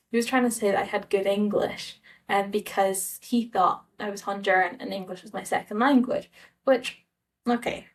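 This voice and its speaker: In a casual vlog style, a Scottish woman with a Scottish accent rambles hesitantly through a personal story. She's a travel vlogger, and her voice is medium in pitch.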